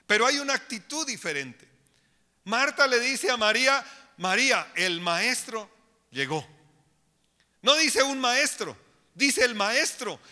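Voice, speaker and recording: A man's voice: very high voice, bright, forceful tone, in a large hall. A man preaching a sermon as pastor, with emphatic delivery, addressing the congregation directly in a church.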